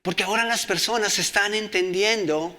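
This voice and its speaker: A male preacher delivers a sermon. His voice is bright and sits slightly high. He reads verses aloud and keeps asking the congregation questions. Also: moderate pace.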